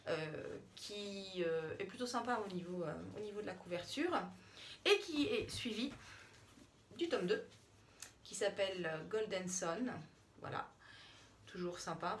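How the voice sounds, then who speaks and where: A woman's voice: lowish voice, a little hiss or hum. A woman vlogger talking casually to her camera about books at home, hesitating often with fillers and restarts. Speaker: book vlogger. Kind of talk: casual book review to camera. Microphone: camera in front, she steps back from it.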